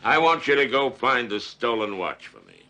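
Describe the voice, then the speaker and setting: An actor playing a veteran district attorney, a gruff older man who snaps with exasperation and gives curt orders. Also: medium pitch, animated, normal speed, sharp tone. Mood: commanding.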